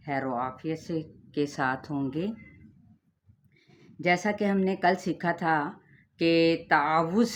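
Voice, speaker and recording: Lowish-voiced woman teaching recitation. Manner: patient, explains slowly and demonstrates sounds. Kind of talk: tajweed lesson.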